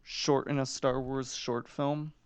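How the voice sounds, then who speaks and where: A man answering trivia questions in casual quiz banter, eager, with quick answers and some stumbles. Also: medium pitch, little pitch movement, clear, resonant tone. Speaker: trivia contestant.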